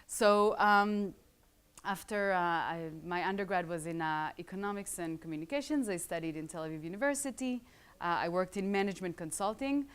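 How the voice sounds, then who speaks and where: With an animated, smooth voice on the low side, a woman in her thirties talks at a moderate pace to a live student audience. She's a startup founder with an Israeli accent and some English schooling, and her talk is chatty and full of jokes aimed at the audience.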